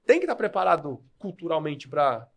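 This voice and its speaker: Man, São Paulo Brazilian Portuguese accent, fairly high voice, emphatic, interview guest laying out points one by one. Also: sing-song, normal speed, creaky. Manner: emphatic, lays out points step by step. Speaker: guest, sales manager. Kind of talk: podcast interview.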